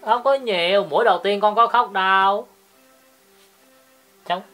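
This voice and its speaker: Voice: medium pitch, measured pace, pushed and bright, soft background music, voice pushed up. A parent voicing a chatty, cheerful toddler girl in a sing-song baby-talk lilt for a home video.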